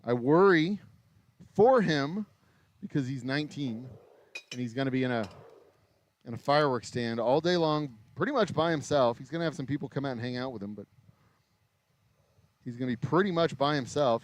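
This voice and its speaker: The host, an American distillery owner in his forties, chats on a casual livestream from his small craft distillery shop while working, rambling, self-interrupting and swearing a bit. His mid-range voice is brisk and lively with frequent pauses, and it has turned a little raspy from hours of talking.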